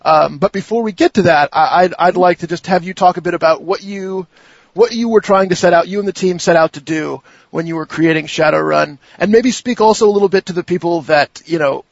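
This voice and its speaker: A man hosts a laid-back gaming podcast in a fairly high, gravelly voice, often stopping and restarting his thoughts. The sound is dry and slightly dull. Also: a little fast, no echo. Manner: hesitant, many restarts and fillers. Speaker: podcast host. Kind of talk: casual gaming podcast chat.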